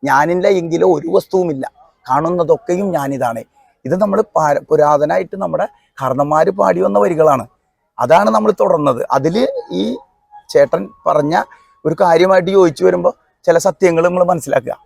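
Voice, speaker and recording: A man with a Kerala accent explaining and reciting traditional devotional verse in measured, halting phrases. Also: a little high, gravelly, a little mellow, dry recording.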